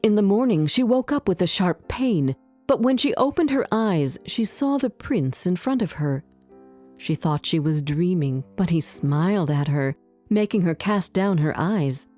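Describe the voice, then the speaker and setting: A woman narrating a fairy tale clearly and deliberately for English learners. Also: fairly low pitch, animated, mellow, soft background music. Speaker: story narrator.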